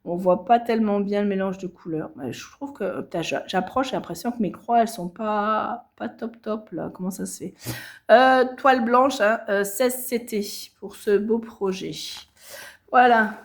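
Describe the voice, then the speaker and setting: A woman's voice: medium pitch, normal speed. A woman chatting casually to her viewers about her stitching projects, with many hesitations and self-corrections. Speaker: cross-stitch vlogger. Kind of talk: casual show-and-tell chat.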